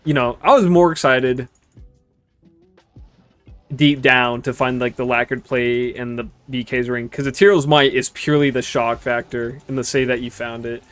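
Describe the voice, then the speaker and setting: A man in his twenties giving relaxed, rambling gameplay commentary and chatting with viewers, swearing casually. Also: mid-range voice, normal speed, faint music behind. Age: 20s. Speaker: gaming streamer.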